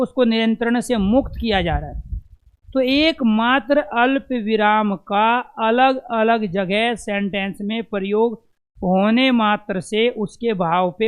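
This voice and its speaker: A man with a high, clean voice teaches an exam-prep lesson, posing questions and answering them himself while repeating key terms to drill them in.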